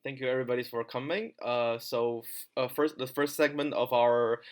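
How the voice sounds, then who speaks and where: A man's voice: mid-range voice, steady tone, moderate pace. Hesitant man hosting a podcast. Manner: hesitant, many "uh" fillers and restarts. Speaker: podcast host.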